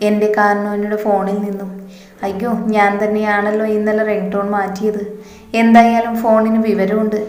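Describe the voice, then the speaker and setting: A woman's voice: medium pitch, a little mellow. A woman narrating a romantic story in the first person, in a wry, playful way. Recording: roomy echo with long reverb.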